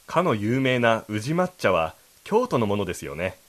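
A man's voice: lowish voice, very animated, moderate pace, fairly bright tone. A man co-hosting a language lesson, explaining and rephrasing lines in a polite, explanatory manner. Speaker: co-host.

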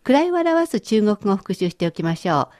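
A Japanese woman teaching a radio language lesson, explaining patiently and clearly. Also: mid-range voice, sing-song, a little fast, a little mellow.

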